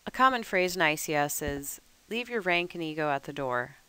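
A woman reading a scripted training narration over slides in a measured, instructive way. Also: deep voice, animated, pushed and bright, smooth, no echo. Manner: measured, instructive, reads steadily. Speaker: weather service trainer.

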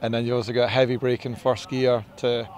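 A middle-aged man, a racing driver, answering interview questions outdoors in a paddock in a relaxed, modest way. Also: medium pitch, fairly quick. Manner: relaxed and modest, with filler ums. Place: outdoors in a race paddock beside a team truck. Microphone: interviewer's handheld mic.

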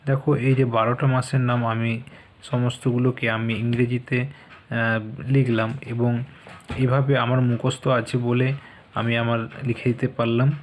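A man gives a spelling lesson to children, sounding out each word and spelling it letter by letter at an unhurried pace. His voice stays level and even throughout, with a faint hiss in the background. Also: medium pitch. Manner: slow, spells out letters one by one. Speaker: teacher.

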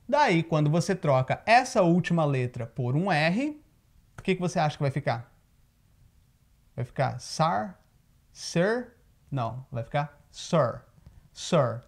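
Brazilian male English teacher, casual video lesson, patient explainer, keeps checking in with the viewer. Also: on the high side. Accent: Brazilian Portuguese. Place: living in the United States.

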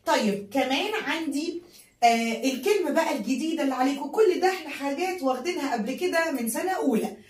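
Woman, Egyptian Arabic accent, children's English teacher, high voice, slow repetition, roomy echo. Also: animated, far from the mic. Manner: slow, drawn-out repetition of words and spelling.

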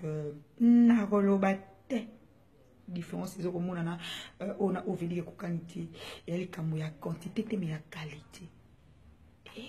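A woman in a casual chat, sending out greetings and mixing French with Lingala. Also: on the low side. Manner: mixes French and Lingala, greets many names warmly.

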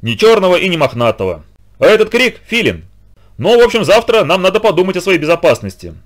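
A man's voice: high voice, big pitch swings, quick pace, pitched above the performer's own voice. A man voicing a kindly grown-up who leads the children, chatty and reassuring. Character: kind grown-up man, calm leader of children.

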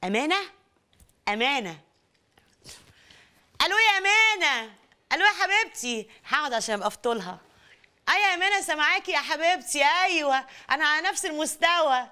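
A woman's voice: high voice, expressive, fast talker, long pauses, sharp tone. An actress playing a fussy, overprotective Egyptian mother who dotes on her only son, with an Egyptian accent. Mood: doting. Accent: Egyptian Arabic.

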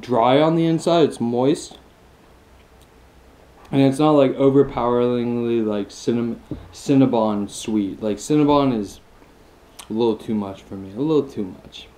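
A food vlogger in his twenties gives a casual mukbang tasting review in a mellow, medium-pitched voice. He sounds enthusiastic and chews between lines, letting out long "mmm" sounds.

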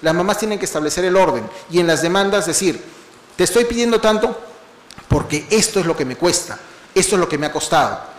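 A man giving a lively seminar lecture, full of rhetorical questions and long spoken lists. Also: fairly high pitch, fast talker, roomy sound. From Peru. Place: lecture hall.

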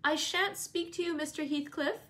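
A woman reading the part of a spirited teenage girl, speaking high and emphatically with rising pleas. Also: moderate pace, pushed and bright. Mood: indignant.

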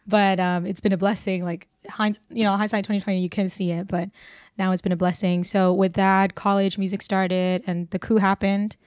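Relaxed young woman on a handheld mic. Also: mid-range voice, no echo, studio quality. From Burma. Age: 20s. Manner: relaxed, chatty, laughs easily. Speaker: podcast guest, singer and nurse. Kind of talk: casual interview chat. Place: small indoor studio set on a couch. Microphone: handheld microphone.

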